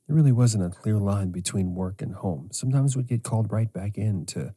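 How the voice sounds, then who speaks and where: A middle-aged man hosting a podcast as a sleep coach, speaking in a slow, measured way. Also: lowish voice, expressive, warm tone, slightly rough. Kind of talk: scripted podcast monologue.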